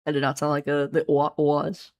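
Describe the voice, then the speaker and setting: A woman's voice: low voice, completely flat delivery, a little fast, a little mellow. A woman streaming a game, chatting in a playful, rambling way and laughing often. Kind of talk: casual game stream chat.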